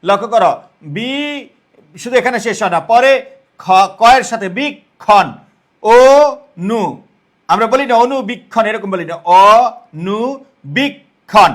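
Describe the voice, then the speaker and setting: A man with a notably high voice teaches an online exam-prep lesson. He sounds out each word syllable by syllable, asks the same question more than once and keeps checking whether his students have understood. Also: normal speed, pauses often. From Bangladesh. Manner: explains step by step, repeats questions and checks understanding.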